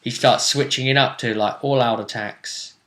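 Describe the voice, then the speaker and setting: A British man hosting a tabletop role-play vidcast, recapping a game casually in a halting way, repeating himself and trailing off. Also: medium pitch, fairly even intonation, a bit bright. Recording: roomy, echoing sound.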